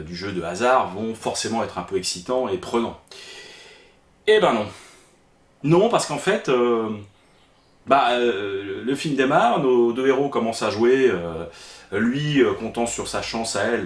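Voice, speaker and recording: Guy doing a film review, lowish voice, lots of uhs and restarts, kinda roomy echo. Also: lively intonation, normal speed. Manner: hesitant, many fillers and restarts. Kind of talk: casual spoken film review. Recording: echoey room.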